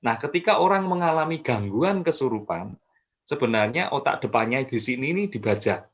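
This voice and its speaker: A man explaining a topic calmly as an expert guest, with frequent fillers and self-corrections. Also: medium pitch, brisk. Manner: calm, explanatory, many fillers and restarts. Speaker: mental health expert guest. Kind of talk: explanatory talk.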